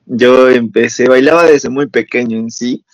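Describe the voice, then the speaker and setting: A young Peruvian man talks eagerly about himself in an interview, laughing easily. His voice has a gravelly fry, sits at a middle pitch, and has a Peruvian Spanish accent. The audio is muffled, like a voice message. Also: steady tone, normal speed, no echo. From Peru. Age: 20s. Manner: enthusiastic, laughs often. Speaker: guest dancer. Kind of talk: casual interview chat.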